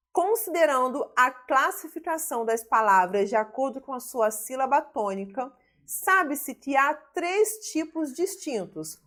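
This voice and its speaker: A Brazilian woman teaching a grammar lesson, stretching out words one at a time before quick, clipped verdicts. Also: a little high. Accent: Brazilian Portuguese. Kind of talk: grammar lesson solving exam questions.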